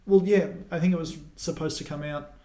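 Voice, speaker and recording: A young man co-hosts a casual film chat, speaking a little higher than most men but with a dark, mellow tone. He thinks out loud in a measured way and offers his own opinions. The room adds a roomy echo. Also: steady tone. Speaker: podcast co-host.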